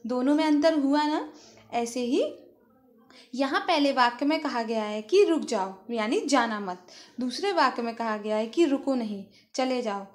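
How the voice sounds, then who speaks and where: A woman, a school teacher giving a grammar lesson to her students, explaining slowly and asking them questions she then answers herself. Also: high voice, lively intonation.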